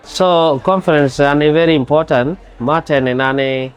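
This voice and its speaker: A young man answering interview questions in a halting way, restarting phrases. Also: a little high, clean tone. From Australia. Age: young adult. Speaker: conference attendee.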